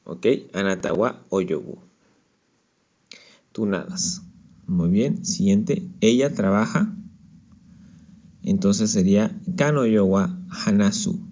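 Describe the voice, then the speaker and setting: A man's voice: lowish voice, slow, warm tone, muffled recording. A man teaching a language lesson over slides, talking patiently and checking in with the listener. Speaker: Japanese teacher.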